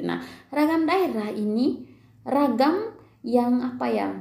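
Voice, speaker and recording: A woman teacher giving a recorded lesson to students, explaining patiently, asking them questions and pausing on fillers. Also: sits high, mellow, echoey room.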